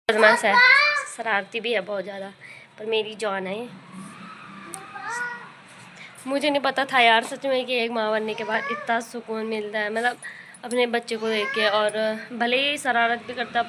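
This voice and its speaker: A young woman and mother vlogging in casual chat, rambling with many pauses and fillers, and rising into high, coaxing calls when she talks to her baby. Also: noisy background. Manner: rises into high, loud, coaxing tones when calling the baby.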